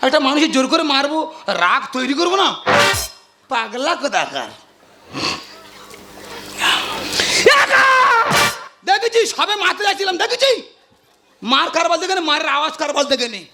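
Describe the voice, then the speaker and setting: A man playing a blustering, high-voiced village husband. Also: big pitch swings, quick pace, exaggerated voice. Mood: quarrelsome. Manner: loud, blustering, prone to shouting. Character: hot-tempered village husband and uncle, quarrelsome. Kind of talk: comic folk play. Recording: loud folk music behind.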